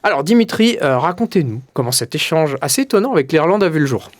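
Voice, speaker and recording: Brisk male radio host. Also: fairly high pitch, sing-song. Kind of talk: radio interview hosting. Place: radio studio.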